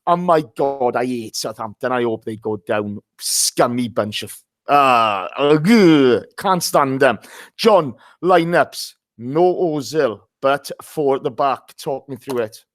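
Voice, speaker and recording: A man's voice: medium pitch, animated, slow pace, no room sound. A hungover man hosting a casual live football fan show, talking in a blunt, matey way.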